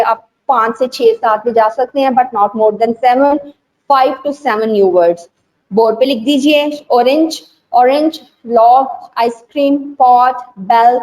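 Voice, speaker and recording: A woman with a notably high voice leads a teacher-training session, speaking patiently and slowly. She repeats and spells out examples and slips into English phrases as she explains. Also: a little mellow, rough recording. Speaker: teacher trainer and school owner. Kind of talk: instructional talk to teachers.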